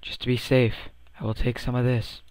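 A man's voice: mid-range voice, flat delivery, normal speed, darkish tone, a little hiss or hum. A young man hosting a gaming channel, a bit sick with voice cracks, chatting playfully and rambling through his let's-play. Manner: playful and rambling, with silly sing-song hype bits. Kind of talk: casual let's-play commentary.

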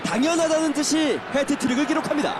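An excitable football commentator calls a video game match in a frantic, high voice. His pitch leaps around as he shouts the play over a very loud stadium crowd. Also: fast talker, heavy background noise. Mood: excited, urgent. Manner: frantic, shouting on goals and shots.

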